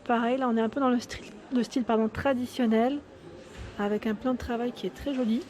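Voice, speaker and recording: A woman's voice: on the high side, fairly even intonation, a little fast, darkish tone. A woman giving an enthusiastic, chatty walkthrough vlog in a furniture store showroom, often tagging "hein" and correcting herself. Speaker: YouTube vlogger.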